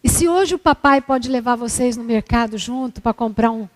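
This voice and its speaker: A woman speaking as a small boy who earnestly thanks a man, in a soft, tender tone during a talk. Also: a little high, moderate pace, in a large hall, pitched below the performer's own voice, close to an everyday voice. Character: little boy, earnest and grateful.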